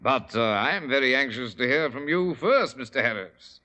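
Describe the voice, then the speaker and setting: Doctor Watson: cheery older gent, bright animated voice, 1940s radio drama. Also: male voice, mid-range voice, normal speed. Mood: jovial. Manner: jovial, chuckling, hearty. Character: genial elderly Doctor Watson, chuckling storyteller.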